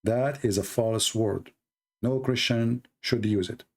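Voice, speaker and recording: A man with a medium-pitched voice speaks slowly as host of a debate talk show. Native to Arabic and from the Middle East, he has an Arabic accent and offers blunt, mocking, casual remarks in broken English.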